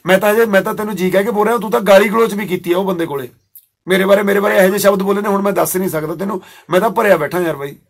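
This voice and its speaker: Man, high-ish voice, rapid and insistent, radio prank caller who keeps accusing. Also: steady tone, gravelly. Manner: accusing and insistent, repeats himself. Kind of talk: staged prank phone call.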